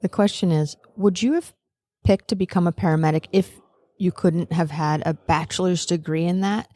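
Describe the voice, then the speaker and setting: A woman's voice: fairly low pitch, normal speed, mellow, no echo. A woman hosting a podcast interview, asking direct follow-up questions. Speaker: podcast host.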